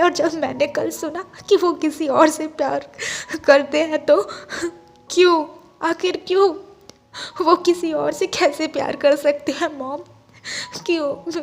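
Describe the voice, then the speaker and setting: A woman's voice: high voice, gravelly. A woman voicing a brooding, heartbroken young man. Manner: curt, then tearful and quiet.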